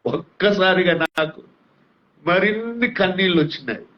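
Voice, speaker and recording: Middle-aged male pastor, earnest and fervent in his testimony, slightly high voice, muffled lo-fi sound. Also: animated, normal speed. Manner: earnest, rising fervor, tearful. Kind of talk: emotional testimony. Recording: dull lo-fi sound.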